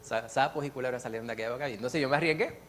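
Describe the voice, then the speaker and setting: A man sharing at a church Bible study, earnest and lively, telling stories with many restarts and asides. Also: mid-range voice, racing, slight background noise. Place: church classroom.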